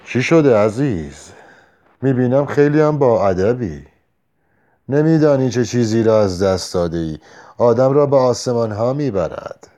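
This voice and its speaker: A man reading the lines of a drunk, war-hardened soldier who talks slowly and heavily. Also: mid-range voice, animated, mellow, lightly acted. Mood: teasing. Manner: slow, heavy-tongued musing.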